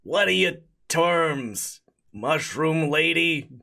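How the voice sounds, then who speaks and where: A man's voice: on the high side, expressive, slow pace, gravelly, pushed and bright, voice pushed up, exaggerated voice. A man voicing a brash, swaggering spaghetti golem in a tabletop game, blustering like a slangy small-town mobster. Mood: wary bargaining. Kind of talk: tabletop role-play character voice.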